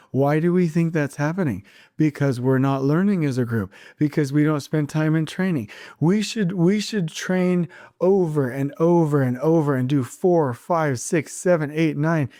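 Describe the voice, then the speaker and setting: A man's voice: on the high side, mellow, no room sound. Impassioned male podcast host, dry sound. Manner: impassioned, ranting, repeats words for emphasis. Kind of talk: solo podcast monologue.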